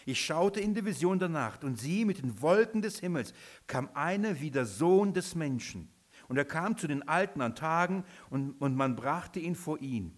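A man's voice: on the high side, animated, moderate pace. A man preaching a sermon, emphatic, repeating his points and asking the listeners questions.

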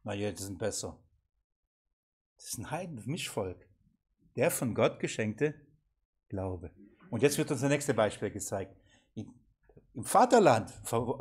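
Lively seminar teacher. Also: male voice, mid-range voice, a little slow, long pauses, slightly rough. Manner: lively, questioning the audience, acts out quoted lines. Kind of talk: interactive Bible seminar teaching.

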